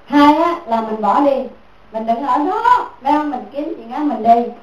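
A woman's voice: high voice, animated, normal speed. A woman giving a Buddhist dharma talk as a teacher, repeating her points and asking listeners "right?" again and again. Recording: echoey room, mic far off.

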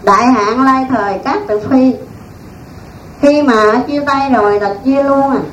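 Unhurried and high-voiced, a woman who is a Buddhist nun tells stories in a folksy, animated way during her dharma talk, breaking into laughs. The room echoes, the mic is distant, and there's faint noise.

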